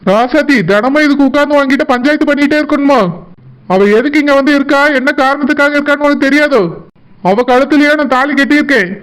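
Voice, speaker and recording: A voice actor doing a weary, henpecked village husband in a cartoon, exasperated and pleading in a rather high voice with a Tirunelveli Tamil accent. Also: steady tone, fast, natural voice, low-quality recording. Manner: pleading then stern, exasperated.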